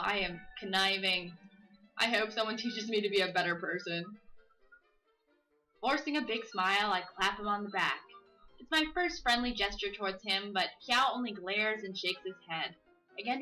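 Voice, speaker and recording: A woman's voice: medium pitch, bright, forceful tone, soft background music, rough recording. A woman playing through a visual novel, reading its text aloud and joking about it between lines. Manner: playful, drawls dialogue slowly for comic emphasis. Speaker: let's play host.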